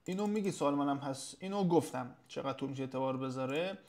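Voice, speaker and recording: A man's voice: mid-range voice, darkish tone. A man hosting a live webinar as an SEO consultant, reading out viewers' questions, thanking them by name and answering off the cuff with frequent hesitations.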